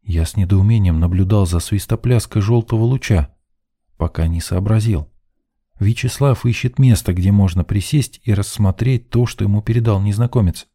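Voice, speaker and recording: Dark-voiced man narrating an audiobook. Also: lowish voice, moderate pace. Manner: dry, ironic first-person storytelling.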